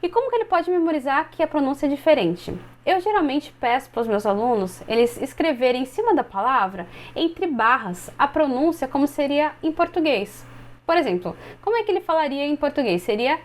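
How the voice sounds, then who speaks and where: A Brazilian woman in her twenties, an English teacher, explains things step by step to other teachers and models phrases slowly. Her voice is high-pitched and animated.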